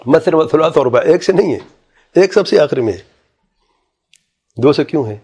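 Male cleric, husky dark voice, emphatic lecture with recited verses. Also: a little high, lively intonation. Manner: emphatic, quotes Quranic Arabic, rhetorical questions. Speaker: Islamic scholar answering a question. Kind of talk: religious lecture.

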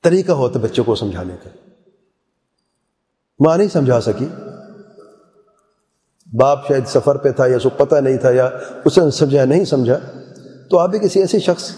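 A man preaching a sermon in an earnest way, asking the listeners questions and often dropping to a softer voice. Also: medium pitch, lively intonation, long pauses. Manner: earnest, with rhetorical questions and sudden soft drops. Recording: reverberant hall.

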